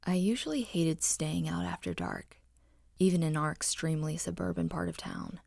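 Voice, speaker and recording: A woman narrating a scary story in the first person with a low, husky, breathy voice and a hushed, haunting delivery. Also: normal speed, no room sound, clean studio sound.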